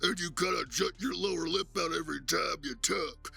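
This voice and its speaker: A man voicing a crude, jolly biker Santa Claus for a game mod, in a throaty rasp with a jutting-jaw, gruff, booming delivery. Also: moderate pace, bright, forceful tone, soft background music, exaggerated voice. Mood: gruff, hearty. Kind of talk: video game mod character voice.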